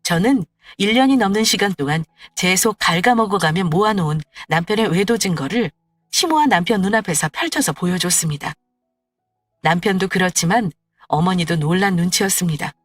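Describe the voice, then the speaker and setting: A woman narrating a first-person story in an expressive, conversational telling. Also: fairly low pitch, no echo, clean studio sound, far from the mic.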